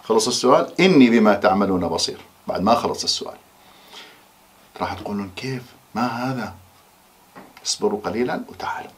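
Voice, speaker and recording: A man giving a Quran memorization lesson, slowing down and stressing key words when he quotes verses. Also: fairly low pitch, animated. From Iraq. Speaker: Quran teacher. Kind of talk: recorded religious lesson.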